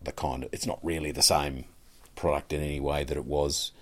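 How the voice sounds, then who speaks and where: A man's voice: a bass voice, steady tone, a little fast. A man co-hosting a podcast, chatting casually and rambling along with many restarts. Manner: rambling, full of restarts and fillers. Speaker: podcast co-host. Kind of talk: casual chat.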